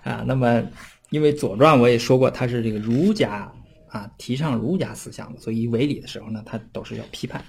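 A man with a slightly husky, mid-pitched voice lecturing informally on ancient texts. He talks in a relaxed, conversational way and keeps turning to his listeners with little tag questions. When he quotes a classical passage, he slows to a measured reading pace. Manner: chatty, often adds tag questions for listeners; slows down to read classical text aloud. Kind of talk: casual explanatory lecture.

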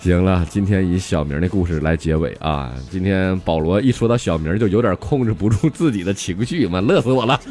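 A man's voice: sits low, brisk, few pauses. Man telling jokes in a Northeastern accent. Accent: Northeastern Mandarin. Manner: laughs at his own jokes. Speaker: comedy storyteller. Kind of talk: comic joke telling.

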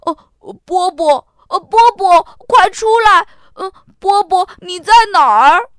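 A woman voicing an eager, excitable young boy in a children's storybook reading, with a high, bouncy, exclaiming manner. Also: slow, no room sound, studio quality, full character voice. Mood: worried.

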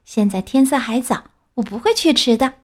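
A woman's voice: fairly high pitch, expressive, normal speed, darkish tone, voice pushed up. A woman voicing a sweet, trusting little girl who asks eager, innocent questions. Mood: cheerful.

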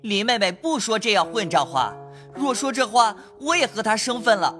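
A voice actor playing an earnest young nobleman in an audio drama. He pleads warmly and his pitch moves a lot, with faint music behind. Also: expressive, normal speed. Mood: earnest, pleading.

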